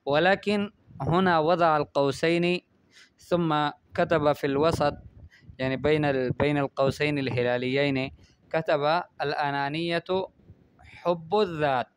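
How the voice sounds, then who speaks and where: A man's voice: fairly high pitch, steady tone, normal speed, long pauses, a little hiss or hum. A man teaching Arabic writing in a classroom lesson, explaining patiently, repeating phrases and often checking with "good" and "understood?".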